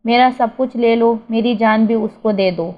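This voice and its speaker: A woman's voice: fairly high pitch, a little slow, close to an everyday voice. A woman voicing a frantic young husband who begs desperately for his dying wife. The recording is slightly dull. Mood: desperate pleading. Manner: pleading, desperate.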